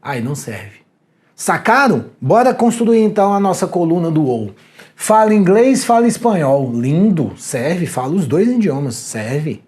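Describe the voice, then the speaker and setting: A man with a Brazilian Portuguese accent teaching an exam prep lesson on video, animated and slangy, talking straight to the viewer. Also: fairly high pitch, measured pace. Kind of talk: energetic video lecture.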